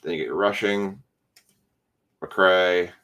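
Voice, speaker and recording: A man's voice: low voice, steady tone, takes it slowly, a bit bright, smooth. A tired man hosting a casual card break, calling out player names as he opens packs. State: tired, yawning.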